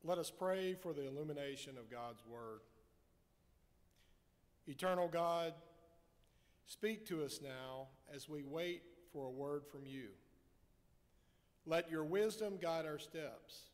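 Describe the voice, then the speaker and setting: A middle-aged man leading a prayer and reading scripture from a lectern in a large church, in a measured, formal way. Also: a little high. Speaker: pastor. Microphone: lectern microphone. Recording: long reverb of a church hall.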